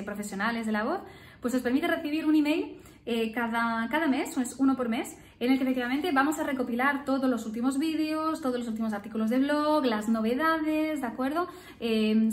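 A speech therapist in her thirties talks casually to a camera in front of her, framed from the upper body, indoors in a room with a painted geometric wall. Her voice is on the high side and reverberant, and she uses lots of fillers and tag questions.

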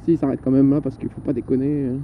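A man's voice: mid-range voice, flat delivery, fast. A man vlogging from his motorbike in city traffic, giving jokey, self-mocking riding commentary. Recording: lo-fi with loud road noise.

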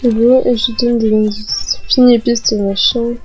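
A woman's voice: on the high side, flat delivery. Chatty teenage girl narrating her gameplay. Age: teens. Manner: chatty, talks to herself while playing, quick swings into annoyance. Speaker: gaming vlogger. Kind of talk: casual gameplay commentary. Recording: slightly dull home mic with game music.

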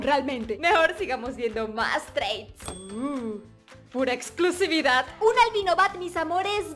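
A young woman gaming host with a very high, bright, sharp voice, talking in animated, exclamatory bursts to her viewers. Faint music plays softly behind her. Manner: animated, exclamatory, keeps calling viewers "mis amores". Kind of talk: excited gameplay commentary. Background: faint background music.

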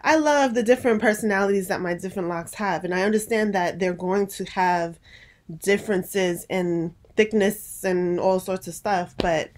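A woman's voice: mid-range voice, moderate pace. Woman vlogger, casual chat to camera, rambling and a bit breathless. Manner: rambling, chatty, many restarts and fillers.

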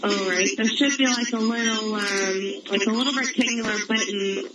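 A man's voice: high-pitched, fairly even intonation, normal speed, loud music behind the voice. A man working as a customer support agent who speaks politely and hesitantly, with many fillers, on a phone call. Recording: distant echoey phone line with crowd behind.

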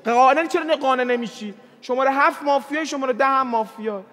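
A man competing in a party game show, arguing his case quickly and insistently. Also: very high-pitched, pushed and bright, big-room sound.

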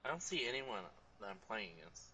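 A man chatting casually with a friend while they play a game together, relaxed and teasing. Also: mid-range voice, fast, slight background noise. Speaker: gaming friend on voice chat. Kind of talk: casual gaming chat.

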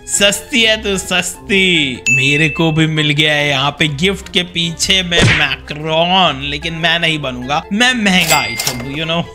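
A young man, playfully joking and shouting while commenting on a game. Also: on the high side, measured pace, hardly any pauses. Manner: excitable, joking, shouts and laughs often. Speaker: gamer. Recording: background game music.

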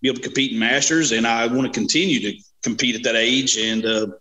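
An easygoing man in his thirties from Kentucky chats on a video call, pausing often with "uh" and "you know". His voice is bright and forward, at an ordinary pitch for a man. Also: steady tone, low-quality recording. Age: 30s. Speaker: interview guest, strongman competitor. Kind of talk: casual video-call interview. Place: small home room. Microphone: webcam on video call.

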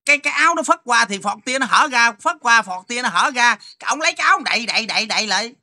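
A man's voice: extremely high pitch, rapid-fire. A man with a Southern Vietnamese accent telling a story in casual chat, repeating words as he stumbles along. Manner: stammering repetitions, animated storyteller.

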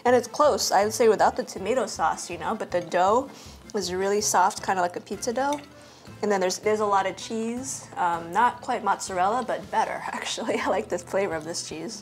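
A woman's voice: mid-range voice, fast. A woman co-hosting a casual food-tasting vlog, chatty and upbeat with a lot of filler words. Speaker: vlog co-host.

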